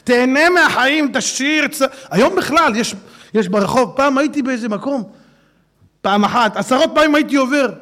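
High-pitched, lively preacher. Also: male voice. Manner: swings from hushed to loud exclamations, laughing. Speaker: religious speaker. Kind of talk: animated sermon to an audience.

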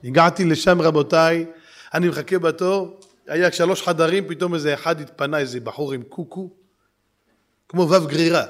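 A man preaching a storytelling sermon with lively, exclaiming delivery and direct appeals to his listeners. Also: a little high. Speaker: yeshiva preacher.

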